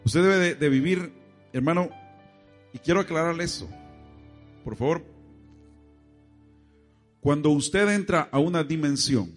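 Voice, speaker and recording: Male preacher, animated storytelling sermon, slightly high voice, soft music underneath. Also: measured pace, pauses often. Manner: addresses congregation directly, animated storytelling. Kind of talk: evangelical sermon with anecdotes.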